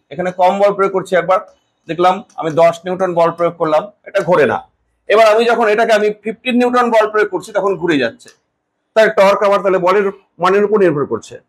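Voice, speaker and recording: High-voiced man teaching physics, step by step. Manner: explains step by step, asks and answers his own questions. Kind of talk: classroom lecture.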